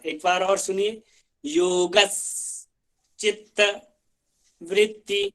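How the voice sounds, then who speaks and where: A male yoga teacher in an online class, chanting Sanskrit sutras line by line with careful, drawn-out pronunciation for students to repeat, heard over a video call. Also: sits high, big pitch swings, a bit bright.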